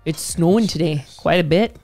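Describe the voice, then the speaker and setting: A woman doing a halting, folksy caricature of a Canadian neighbor. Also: low-pitched, a little mellow, pitched below the performer's own voice. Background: faint background music.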